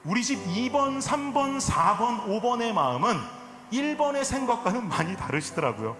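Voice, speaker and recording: Pastor in his 40s, sermon delivery, very high and lively voice, shifts from storytelling to shouted appeals; echoey sanctuary with music underneath. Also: normal speed. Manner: storytelling that builds to impassioned, shouted preaching. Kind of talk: sermon with personal anecdote. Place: church sanctuary. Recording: echoey church hall with music behind.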